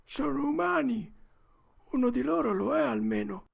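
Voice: sits high, lively intonation, normal speed, gravelly, voice pushed up, heavily acted. Huckleberry Finn, a narrator whispering as a trembling boy. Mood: panicked. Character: frightened young boy, jittery and superstitious. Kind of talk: whispered role-play.

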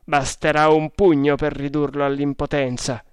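A man's voice: fairly high pitch, little pitch movement, moderate pace, clear, resonant tone, no echo, clean studio sound, close to an everyday voice. A narrator voicing a brave, wary young male hunter who answers in terse, guarded lines in a storybook reading. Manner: terse, restrained.

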